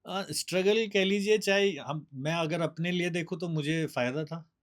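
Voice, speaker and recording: A man, a bodybuilder guest telling his story in a steady, explaining way. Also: on the high side, moderate pace. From Delhi, India. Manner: steady, explanatory, mixes English words. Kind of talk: casual interview storytelling.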